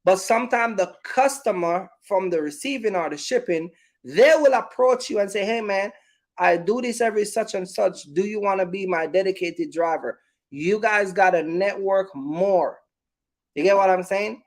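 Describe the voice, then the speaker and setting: This trucking YouTuber talks straight to camera with a high voice and moderate pace, giving casual advice. He stresses and restates his points, often pausing to check that viewers get what he means.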